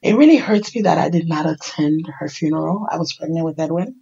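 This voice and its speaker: Husky middle-aged woman, candid storyteller. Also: low-pitched, a little fast, muffled recording. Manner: emotional, animated storytelling with quoted dialogue. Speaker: podcast host sharing her life story. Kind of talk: candid personal conversation.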